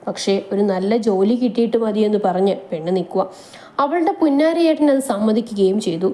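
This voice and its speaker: A woman narrating a romantic family story in a calm, even reading voice. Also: medium pitch.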